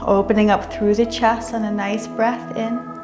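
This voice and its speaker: A woman instructing a chair yoga class in a careful, unhurried way, gently guiding each movement. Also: medium pitch, level tone. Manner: careful, unhurried, measured delivery. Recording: roomy echo, music underneath. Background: music.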